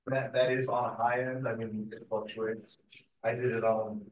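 Lower-voiced man heard distantly in a room. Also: level tone, moderate pace, lo-fi sound. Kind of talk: public meeting discussion. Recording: roomy, distant, faint noise.

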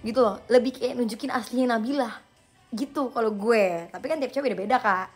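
A young woman hosting a live stream, chatting casually and playfully with viewers and answering their questions in slang, quick to laugh at herself. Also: on the high side, breathy edge, soft background music. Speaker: livestream host.

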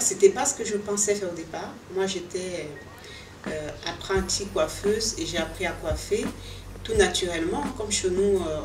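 A woman's voice: mid-range voice, darkish tone, slight background noise. Hesitant Cameroonian-born woman, echoey boutique. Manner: hesitant, many fillers and restarts, earnest. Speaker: fashion designer and boutique owner. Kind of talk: casual interview answers. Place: indoor boutique, seated. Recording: echoey room, voice from a distance, music underneath.

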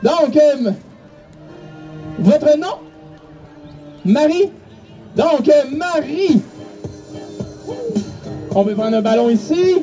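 A man's voice: extremely high pitch, expressive, extremely slow, pauses often, mellow, recorded from a distance, soft background music. A man announcing over the stadium PA at a football game, calling contestants and hyping the crowd.

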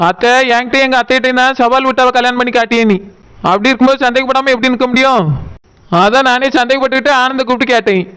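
A man's voice: very high voice, steady tone, pushed and bright, clean tone, poor audio. A man voicing an anxious, tearful young village wife in a cartoon, speaking with a Tirunelveli Tamil accent. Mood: fretful. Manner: fretful, pleading, rapid. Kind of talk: cartoon voice acting.

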